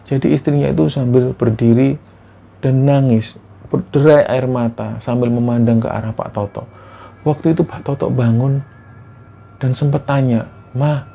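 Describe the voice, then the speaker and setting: A man's voice: medium pitch, creaky, dark tone, slight background noise. A man narrating a horror story in an earnest, repetitive way.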